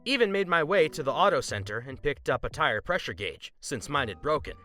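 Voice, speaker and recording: A man narrating a first-person story in an expressive, scripted reading. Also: on the high side, fairly quick, soft background music.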